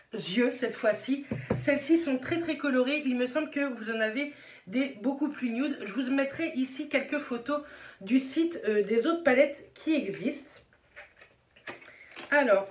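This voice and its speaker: A woman's voice: fairly high pitch, roomy sound, slight background noise. Chatty French beauty vlogger woman. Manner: chatty, repeats "très, très" and fills with "euh". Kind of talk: casual product review.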